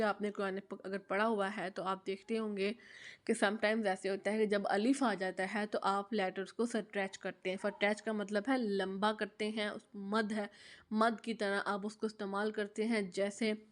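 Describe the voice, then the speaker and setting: A woman's voice: medium pitch, little pitch movement, normal speed. A young woman giving a casual, chatty how-to talk about teaching online, with frequent fillers and repeated phrases.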